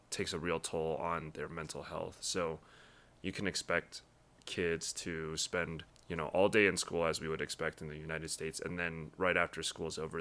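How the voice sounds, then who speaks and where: A young man from Taiwan, a guest in a casual interview, answering in a thoughtful, measured way with frequent pauses. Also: rumbling low, pushed and bright. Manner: thoughtful, measured, many ums.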